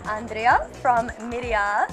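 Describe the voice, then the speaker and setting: A woman's voice: on the high side, sing-song, slow. A bubbly woman interviewing guests at a fashion event, laughing often. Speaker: fashion show reporter. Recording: music playing behind.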